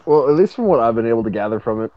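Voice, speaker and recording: A man's voice: medium pitch, expressive, rapid-fire, highs cut off, slight background noise. A young man rambling casually on a podcast, full of fillers and swearing. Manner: rambling, profane, filler-heavy. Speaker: podcast co-host. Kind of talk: casual chat.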